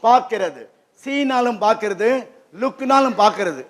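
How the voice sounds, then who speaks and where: A man giving an interactive lesson to children in a library hall, keeping them engaged with quick questions. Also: sits high. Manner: lively, keeps quizzing the audience with quick questions. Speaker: guest presenter at a children's program.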